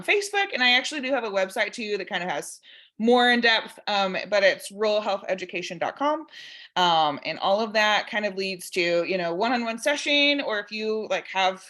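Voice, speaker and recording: Female podcast guest, West Texas twang, conversational and upbeat, loose informal phrasing, medium pitch. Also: fairly bright tone. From West Texas, United States. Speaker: podcast guest, dietitian and rodeo athlete. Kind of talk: casual conversational interview.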